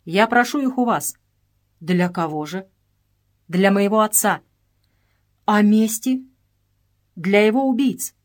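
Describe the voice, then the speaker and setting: A woman's voice: mid-range voice, slow, long pauses, natural voice. A woman reading aloud and voicing a grieving grown man who speaks solemnly in a trembling voice. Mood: grave. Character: grieving grown man, grave, steady elder brother.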